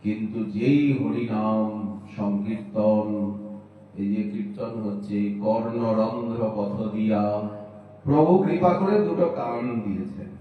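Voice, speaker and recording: A man's voice: fairly low pitch, a little hiss or hum. A man giving a devotional sermon, breaking into chanted verse between his explanations. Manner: slow, chanting lines of verse. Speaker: Vaishnava preacher. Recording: distant mic, echoey hall, dull sound.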